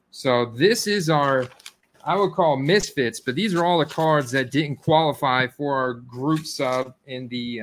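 Excitable man chatting through a card unboxing. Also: medium pitch, a little hiss or hum. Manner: excitable, talks straight to viewers, quick swings into exclamations. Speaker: sports card collector host. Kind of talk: casual unboxing chat to viewers.

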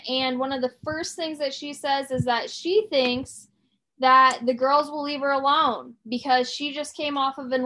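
Woman, thirties, podcast co-host, casual rambling chat, fillers, a bit high-pitched. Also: sharp tone, a little hiss or hum, low-quality recording. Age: 30s. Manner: chatty, rambling with many fillers and restarts.

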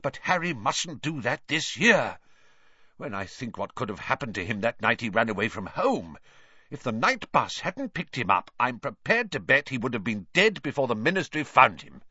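A man's voice: mid-range voice, very animated, moderate pace, sharp tone, breathy edge, no echo, dull audio, pitched above the performer's own voice, heavily acted. A man voicing a mild, earnest middle-aged father. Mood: heated.

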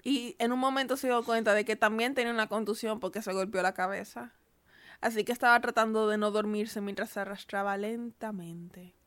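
Bright, clear woman telling a story. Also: mid-range voice. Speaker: podcast co-host. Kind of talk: casual storytelling.

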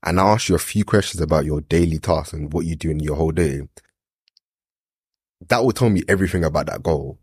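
A young man with a London roadman accent speaks earnestly and deliberately in slangy, casual motivational chat. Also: extremely low pitch, darkish tone, slightly rough, no room sound, studio quality. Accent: London, urban street slang.

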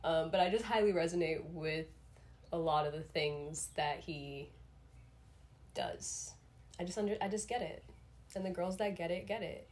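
A woman's voice: lowish voice, moderate pace, long pauses, a little mellow. A young adult woman hosting a solo podcast in a casual, rambling, introspective way, sounding slightly under the weather. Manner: rambling, self-reflective, uses slangy filler "like". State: under the weather, throat-clearing.

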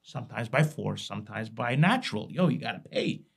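A man's voice: medium pitch, animated, brisk, gravelly, husky. Brash streetwise man on a podcast. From Iraq. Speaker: podcast guest, watch dealer. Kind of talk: casual podcast conversation.

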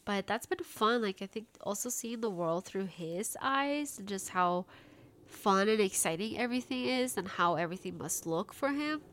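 A bubbly woman in her late twenties hosts a casual solo podcast, chatting with lots of "like" fillers through a stuffy, congested nose. Her medium-pitched voice is fairly bright, with lively intonation and a normal speed. Slight background noise can be heard.

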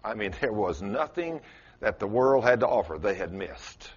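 A man in his late sixties preaching a folksy sermon, quizzing his congregation and rising to loud exclamations. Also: on the low side, animated, moderate pace, highs cut off. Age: 60s. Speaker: pastor.

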